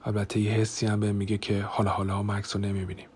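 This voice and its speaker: A man narrating a first-person diary audiobook in a steady, even manner. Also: fairly low pitch, slight background noise.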